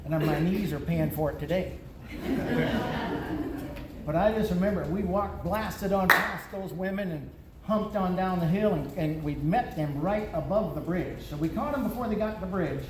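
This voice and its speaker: At a memorial gathering, an older man reminisces about an old friend in a plainspoken eulogy. His voice sits high and moves at normal speed, and the room is echoey with background noise.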